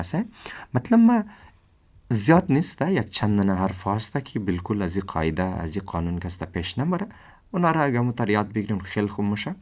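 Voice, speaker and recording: A man teaching English pronunciation. He says each example word slowly and then repeats it. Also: sits low, darkish tone. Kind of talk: lesson.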